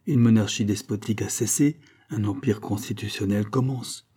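A man voicing an earnest, frank doctor in an audiobook, grave and measured. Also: lowish voice, steady tone, mellow, slightly rough. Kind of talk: audiobook character reading.

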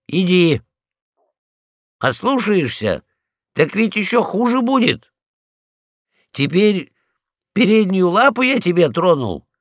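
A man voicing a pompous, bossy male guard dog in a storybook reading, loud and commanding. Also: high voice, dry recording, clean studio sound, pitched above the performer's own voice, full character voice.

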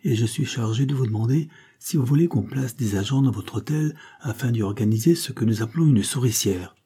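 A man's voice: mid-range voice, fairly quick, mellow, husky, pitched above the performer's own voice. A man reading an audiobook, voicing a stern male police sergeant who speaks in a curt, official tone.

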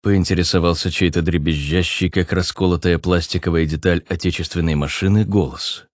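A man narrating an audiobook in an even storytelling delivery. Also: sits low, a little fast, no echo, clean studio sound.

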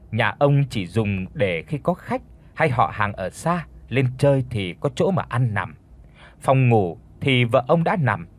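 Husky-voiced male horror storyteller. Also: medium pitch. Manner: expressive, steady storytelling. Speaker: audiobook narrator. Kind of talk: scripted horror story narration.

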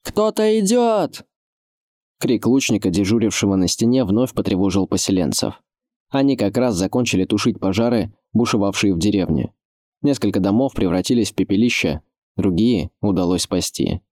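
A man giving measured, scripted audiobook narration. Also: fairly low pitch, a little mellow, no room sound, clean studio sound.

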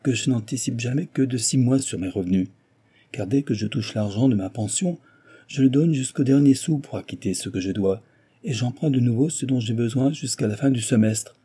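A man's voice: medium pitch, normal speed, mellow, breathy edge, natural voice. A man voicing a frivolous, petulant society wife who defends her spending peevishly. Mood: airy. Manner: peevish, self-justifying.

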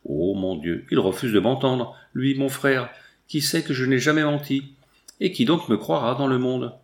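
A man's voice: mid-range voice, moderate pace, lightly acted. Guy reading a young woman pleading she's innocent, earnest, storybook, roomy echo. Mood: distressed. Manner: earnest, insistent denials.

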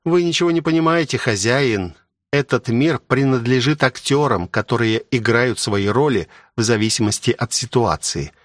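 A bitter, haughty ancient guardian maid, as a male audiobook reader puts her on, raised into a thinner, higher register. She spits out sharp, scornful retorts. The recording is close and completely dry. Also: normal speed, dry recording, close to an everyday voice. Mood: indignant. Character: ancient spiteful woman guardian serving as maid. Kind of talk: audiobook reading.

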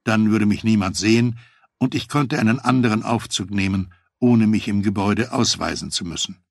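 A man reading a first-person memoir as an audiobook, in a measured, matter-of-fact way. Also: fairly low pitch, no room sound, studio quality. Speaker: audiobook narrator. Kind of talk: scripted memoir narration.

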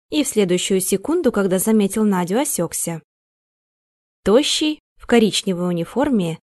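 A woman narrating an audiobook in an even storytelling delivery. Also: mid-range voice, no echo, clean studio sound. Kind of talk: scripted narration.

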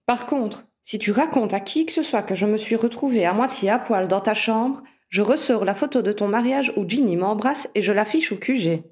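Brief: grumbling young male wizard, sulky and wary, mellow tone, read by a woman narrator. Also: medium pitch, moderate pace, few pauses, lightly acted. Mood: reluctant. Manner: sulky, reluctant.

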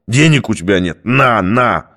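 A man's voice: fairly low pitch, animated, moderate pace, sharp tone. A man voicing a desperate, snappish addict. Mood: furious. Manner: snapping, pleading, muttering.

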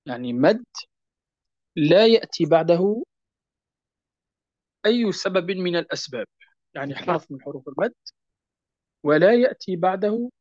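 A man teaching a lesson on Quran recitation rules, patiently repeating key points and slowing down to recite verse examples. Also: high voice, darkish tone, dry recording, muffled recording. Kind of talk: explanatory lesson on tajweed.

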